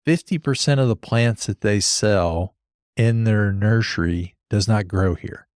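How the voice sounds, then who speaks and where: A man with a fairly low voice hosts a podcast. He explains things casually and conversationally, recorded dry with hardly any room sound. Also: a little slow, darkish tone, no echo. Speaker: podcast host, landscape architect.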